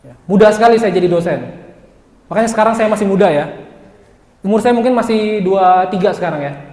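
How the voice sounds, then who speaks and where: A young male lecturer with a high voice, teasing and coaching his students. His voice rings through a big room with a long, echoing tail. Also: brisk. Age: 20s. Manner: lively, joking, addresses students directly. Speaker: university lecturer. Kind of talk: classroom lecture. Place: large classroom. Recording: echoey classroom with long reverb.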